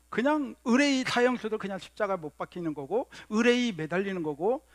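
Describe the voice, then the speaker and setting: A man preaching a Sunday sermon as pastor, telling stories and acting out quoted lines in a lowered voice. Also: no echo.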